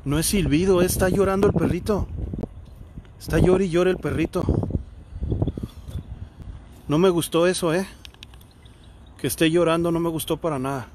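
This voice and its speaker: A high-pitched Mexican man hunts for ghosts in an outdoor cemetery at night. He talks in a hushed, jumpy way, calling out to unseen spirits. Faint noise sits under his voice. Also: fairly even intonation, normal speed, long pauses. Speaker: paranormal investigator vlogger. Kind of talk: ghost-hunting vlog narration.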